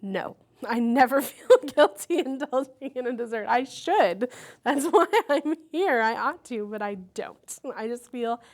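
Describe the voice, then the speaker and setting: A woman's voice: fairly high pitch, lively intonation, a little slow. A woman in her thirties giving frank, self-mocking interview answers and laughing often.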